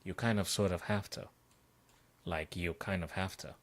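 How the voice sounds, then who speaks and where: Man, very low-pitched voice, chess coach, live puzzle stream, thinking aloud, excitable, repetitive. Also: moderate pace. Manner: thinks aloud, excitable exclamations, repeats himself.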